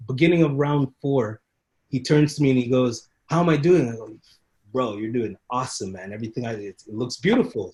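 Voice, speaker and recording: A man, a Muay Thai instructor, telling stories in a casual podcast interview and acting out the people he quotes. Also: medium pitch. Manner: animated storyteller who acts out quoted people and laughs often.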